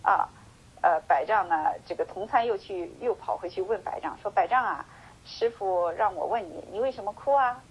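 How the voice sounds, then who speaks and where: A woman teaching a Buddhist sutra lecture, telling the story with lively acted-out dialogue and many drawn-out sentence-final particles. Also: medium pitch, slightly rough, low-quality recording. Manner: slow measured chanting when reading scripture.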